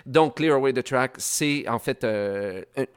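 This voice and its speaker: A man's voice: medium pitch, measured pace, smooth. A man with a Québécois French accent hosting a music radio show, chatting casually between songs with many hesitations and fillers. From Quebec. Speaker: radio host.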